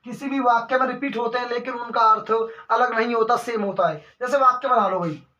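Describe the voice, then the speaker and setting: Young male exam-prep tutor, bright sharp tone, repeats his points and keeps calling listeners brother. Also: very high-pitched, brisk. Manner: asks the class questions and answers them himself, repeating phrases; calls the listeners brother again and again. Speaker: teacher. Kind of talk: exam-prep Hindi grammar lesson. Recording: dull lo-fi recording.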